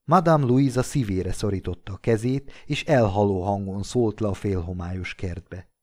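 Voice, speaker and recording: A man reading classic literary fiction aloud, narrating in a measured, steady way. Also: on the low side. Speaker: audiobook reader.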